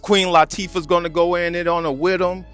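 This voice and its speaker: A channel host with an American accent talks casually about a video clip, slangy and conversational, with music behind him. His voice sits high and sounds smooth and fairly bright, with a flat, fairly quick delivery.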